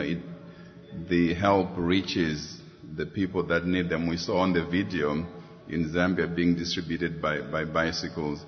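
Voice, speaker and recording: A man from Zimbabwe, asking a polite follow-up question from the audience and searching for his words. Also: low voice. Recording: reverberant hall, dull lo-fi sound.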